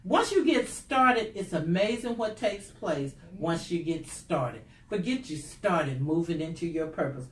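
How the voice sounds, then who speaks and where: A woman's voice: low-pitched, animated, a little slow, few pauses, roomy sound, recorded from a distance. An older woman, an author hosting a book event, giving effusive thank-yous and announcements with cheers. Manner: effusive, cheering, shout-outs. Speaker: author and host.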